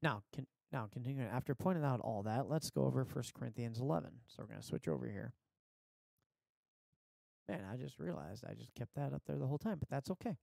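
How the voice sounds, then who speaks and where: Male preacher, gravelly and relaxed, earnest informal sermon delivery, dry close sound from a basement setup. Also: medium pitch, brisk, no echo. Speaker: Bible teacher, preacher. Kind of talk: informal teaching sermon with scripture reading. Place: basement of a house.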